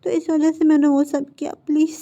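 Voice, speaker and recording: A woman puts on a terrified young man in a storybook retelling. He stammers and begs in a high, strained voice with a soft, mellow core. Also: steady tone, moderate pace. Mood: pleading, terrified. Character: young man, frightened captive begging for mercy.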